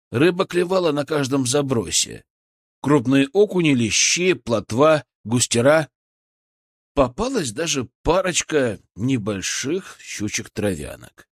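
Male narrator, audiobook, animated pitch, dry close mic, middle voice. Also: breathy edge, dry recording. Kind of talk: scripted first-person fantasy narration.

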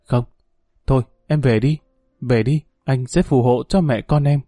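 A man voicing a condemned prisoner in a spoken story, speaking quietly and steadily in farewell. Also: medium pitch, measured pace, no room sound, clean studio sound, soft background music, close to an everyday voice. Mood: resigned. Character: condemned man, calm and resigned.

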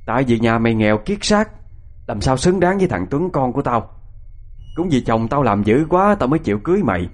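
A man's voice: mid-range voice, very animated, fairly quick. A man voicing a harsh older mother-in-law who scolds with contempt. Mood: scornful.

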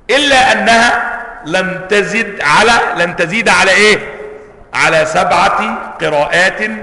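A man's voice: on the high side, sharp tone. A man with an Egyptian accent teaching a class on Quran readings, explaining patiently, drawing out each word form and checking that students follow. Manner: explains slowly, checks students with questions, drawn-out recitation of word forms. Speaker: sheikh teaching Quran sciences. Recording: roomy hall reverb.

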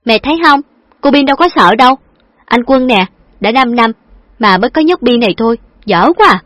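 A woman voicing a lively, affectionate young woman who is playful and teasing, with a chirpy, coaxing manner. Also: fairly high pitch, a little fast, no room sound, voice pushed up. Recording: dull lo-fi dry recording.

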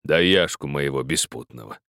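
A man voicing a pious old peasant miner who speaks slowly and gravely, preaching and pleading in an older man's voice. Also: extremely low pitch, a bit bright, no room sound, studio quality, voice pushed down. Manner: slow, grave, moralizing.

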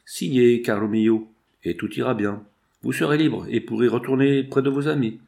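Storybook wife of a bandit, voiced by a male reader, gentle and coaxing. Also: mid-range voice, normal speed, creaky, natural voice. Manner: soft, coaxing, pleading. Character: brigand's wife, coaxing adult woman.

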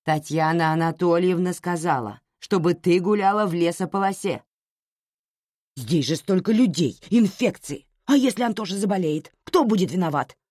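A woman's voice: on the low side, moderate pace, hardly any pauses, darkish tone, dry recording, studio quality, voice pushed up, natural voice. A woman reading a story aloud, voicing a scolding, reproachful older mother who laments.

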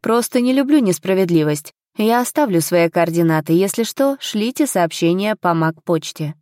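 A formal, matter-of-fact nobleman investigator, read by a woman, courteous and businesslike. The voice is warm and mellow, recorded close and dry like a storybook reading. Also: lowish voice, lively intonation, moderate pace, no room sound, lightly acted.

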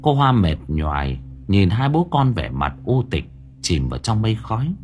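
Man, horror story narrator, dramatic lively delivery, soft music underneath. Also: lowish voice, normal speed. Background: faint background music.

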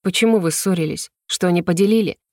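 A woman's voice: fairly low pitch, fairly quick, a little mellow, no room sound, close to an everyday voice. Cold stern demon lord husband, read by a woman, clipped and distant, dry close sound. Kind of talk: audiobook character voice.

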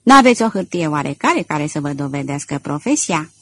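A woman reading an audiobook, voicing a curt, distrustful male magistrate with a husky voice. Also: deep voice, sing-song, no room sound, voice pushed down, exaggerated voice. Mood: stern. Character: gruff suspicious male magistrate, curt and stern.

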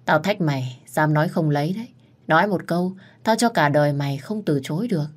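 A cocky young servant lad teases and dares in a low, brash voice, as a woman reading a storybook puts him on. He is bossy and mocking, but fond underneath. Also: a little fast. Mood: teasing. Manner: brash, teasing.

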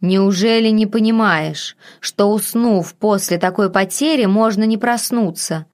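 A woman's voice: medium pitch, unhurried, a little mellow, natural voice. Cocky mocking man, read by a woman. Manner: sardonic, teasing. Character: mocking, cocky young man, sharp-tongued.

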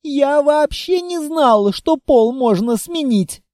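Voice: high-pitched, lively intonation, slow pace, mellow, dry recording, clean studio sound, voice pushed up. An audiobook reader voicing a weary, sarcastic companion who mocks and explains with exasperation. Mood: mocking. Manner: mocking, exasperated.

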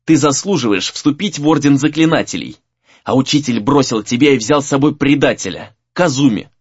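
A man voicing a young sorcerer apprentice, grim and bitter, who talks slowly through clenched teeth. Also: medium pitch, breathy edge, dry recording, lo-fi sound, close to an everyday voice. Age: young adult. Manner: speaks through clenched teeth, slow and heavy.

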